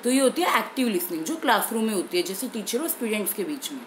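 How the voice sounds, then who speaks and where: A young woman teacher explaining an exam-prep language lesson clearly and steadily, slowing down on key terms. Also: medium pitch, animated, slight background noise, low-quality recording.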